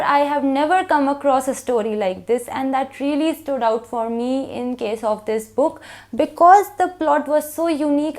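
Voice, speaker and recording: A young woman from India speaks with an Indian English accent in a noticeably high voice. She walks through a book review in an earnest, even, explaining way, starting many sentences with "so".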